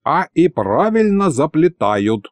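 A man's voice: a little high, big pitch swings, takes it slowly, no room sound, pitched above the performer's own voice. A man voicing an ancient, sly, lecherous sorcerer with a pompous, gloating manner.

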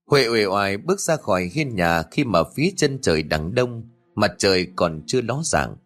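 A man narrating a scripted audio story in an expressive reading. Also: fairly low pitch, moderate pace, soft background music.

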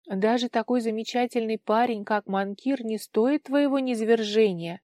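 A woman voicing a gentle aunt who speaks slowly and softly in an audiobook. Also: on the high side, no room sound, clean studio sound, close to an everyday voice. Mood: tender. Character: slight older aunt, tender and soothing.

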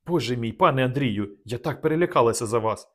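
A gentle young noblewoman whose voice stays soft and worried, done by a man reading aloud. She pleads quietly, her tone a little raised above the narrator's. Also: medium pitch, lively intonation, fast, lightly acted.

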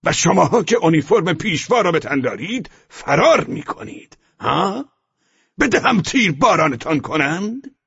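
A man's voice: fairly high pitch, very animated, breathy edge, pitched above the performer's own voice, full character voice. Man putting on a barking, mocking SS officer. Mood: shouting. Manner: barking, drawn-out mocking shouts. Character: brutal mocking male SS officer. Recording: dull lo-fi audio.

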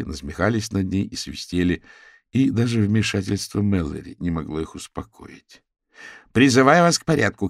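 A man narrating a humorous detective audiobook in a steady, wry storytelling manner. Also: deep voice, dry recording, clean studio sound.

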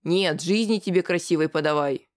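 The reader voicing a loud, furious middle-aged mother who shrieks coarse abuse in an audiobook. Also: normal speed, lightly acted. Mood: screaming abuse. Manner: shrill shouting.

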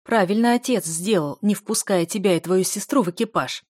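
A woman's voice: mid-range voice, a little fast, darkish tone, no echo, studio quality, natural voice. A woman voicing a spiteful, spoiled young noble son who hisses insults, in an audiobook reading. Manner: hissing, sneering.

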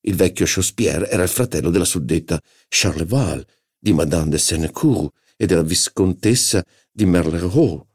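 A man reading an audiobook, voicing a stern, pedantic aristocratic duke who speaks in a measured, lecturing way. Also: low voice, lively intonation, a little mellow, husky, dry recording, studio quality.

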